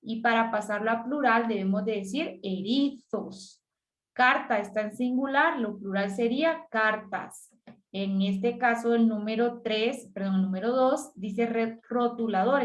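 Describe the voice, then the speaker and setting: A woman teacher walks pupils through worksheet exercises step by step, asking and answering her own questions. Her voice sits a little high. The recording has a noticeable room echo. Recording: echoey room.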